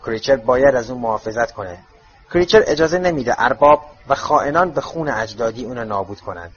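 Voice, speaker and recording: A man voicing a bitter, ancient male house-elf servant who mutters insults in a croaking voice, on dull lo-fi audio. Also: medium pitch, animated. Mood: resentful. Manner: grumbling insults under his breath.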